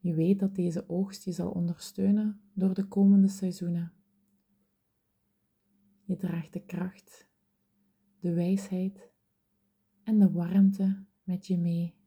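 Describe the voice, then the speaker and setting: A woman whispering softly as she leads a guided meditation in a slow, soothing, gentle manner. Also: fairly low pitch, flat delivery, slightly rough.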